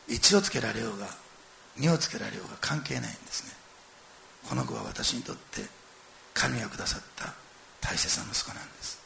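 A middle-aged male pastor delivering a sermon with a heavily gravelly, forceful voice. He talks fast with a lively, swinging pitch, acting out the story and turning to his listeners with direct questions. A faint hiss sits under the voice. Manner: animated storytelling, acting out quoted lines and addressing listeners directly.

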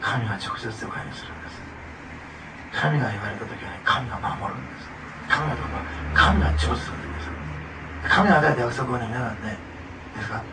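A man's voice: mid-range voice, animated, a little fast. A man preaching a sermon, talking to the congregation in a conversational way, laughing often and asking them questions. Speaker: pastor. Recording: distant mic with clear background noise.

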